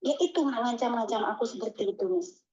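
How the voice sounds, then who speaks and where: A woman calling in as a migrant domestic worker, telling her story haltingly and pleadingly with many restarts, over a muffled phone line. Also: on the high side, expressive, warm tone. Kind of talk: phone call recounting a scam.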